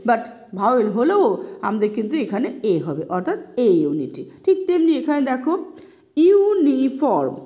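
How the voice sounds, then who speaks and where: A woman's voice: fairly high pitch, a little mellow. A woman teacher explaining English grammar patiently, repeating points and asking checking questions. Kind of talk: classroom explanation.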